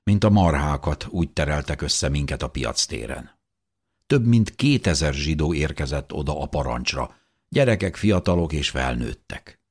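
A man narrating a first-person audiobook in an earnest, measured way. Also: a bass voice, expressive, husky.

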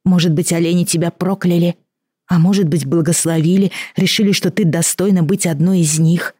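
A woman voicing a calm, practical girl who speaks in a soothing, matter-of-fact way. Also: fairly low pitch, brisk, slightly rough, no room sound, studio quality, voice pushed up.

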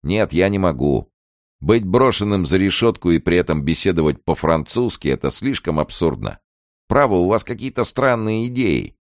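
A man voicing a frightened, timid male prisoner who cries out in a high, strained voice. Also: very animated, normal speed, no echo, clean studio sound. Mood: dry, incredulous.

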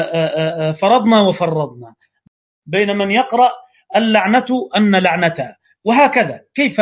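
Egyptian man, quick and husky, online teacher questioning his students rhetorically. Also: sits high. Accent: Egyptian Arabic. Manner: argues through imagined dialogue and rhetorical questions. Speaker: Quran recitation teacher. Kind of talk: online lecture. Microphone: video call microphone. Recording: dull lo-fi online audio.

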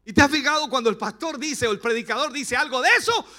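Male Chilean pastor, sermon delivery, high and bright, rousing with joking asides. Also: quick pace. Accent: Chilean Spanish. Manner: rousing, rhetorical questions, playful asides. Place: church service.

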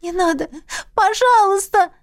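A woman reading an audiobook, voicing a flustered young heroine who protests in a squeaky, shrill voice. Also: lively intonation, normal speed, no echo, clean studio sound. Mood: frightened.

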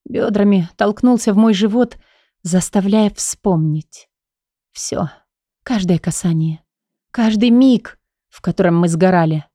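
A woman's voice: mid-range voice, dark tone, no room sound. A woman reading a first-person romance audiobook in an intimate, emotional way, close to the mic. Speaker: audiobook narrator.

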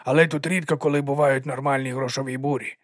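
A man's voice: medium pitch, steady tone, fast, no echo, clean studio sound, close to an everyday voice. Igor, a man doing a lisping eager servant. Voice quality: lisp.

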